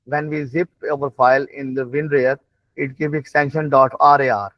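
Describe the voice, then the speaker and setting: A man who is a non-native English speaker, instructing a live online class in a halting, repetitive way, often checking that listeners follow. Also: mid-range voice, steady tone, no room sound. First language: not English. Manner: halting, repetitive explaining with frequent check-in questions. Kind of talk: live online lesson, explaining while demonstrating on screen. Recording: dull, lo-fi online call audio.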